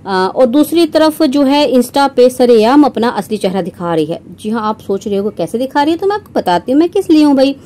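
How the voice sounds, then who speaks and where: A woman's voice: high voice, animated, brisk, few pauses, warm tone. A young woman reaction vlogger talking straight to her viewers, mocking and sarcastic, often tagging her lines with a rhetorical question. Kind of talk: scornful commentary to viewers.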